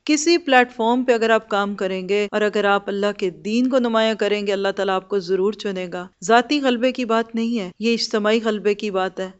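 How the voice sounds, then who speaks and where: A woman's voice: a little high, dull audio. A woman giving a Quran commentary lesson, earnest and explanatory, asking rhetorical questions. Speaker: religious teacher.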